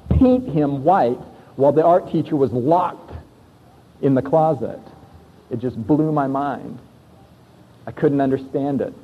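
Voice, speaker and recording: A man telling his life story as an earnest sermon testimony, reflective, with emphatic pauses. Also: on the high side, breathy edge. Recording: tinny, lo-fi recording in a long-echoing hall.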